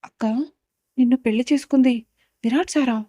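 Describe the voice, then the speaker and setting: A woman's voice: on the high side, fairly even intonation, moderate pace, warm tone, dry recording, studio quality, close to an everyday voice. Storybook role: woman voicing a curious young girl, pestering, bewildered, raised voice. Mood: astonished.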